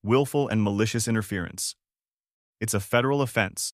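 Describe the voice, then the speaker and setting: A hulking male federal enforcement agent, stern and procedural, citing the law in a low, dry voice, as a narrator plays him. It comes across as a close storybook reading with no room sound. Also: fairly quick, no echo, close to an everyday voice.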